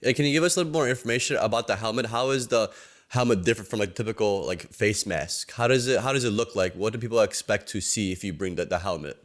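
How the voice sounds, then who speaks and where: A man co-hosting a podcast introduces the guest and asks questions, murmuring attentive acknowledgements as she talks. His voice sits on the lower side. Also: quick pace. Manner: attentive, short backchannel murmurs. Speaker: podcast co-host. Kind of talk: podcast interview.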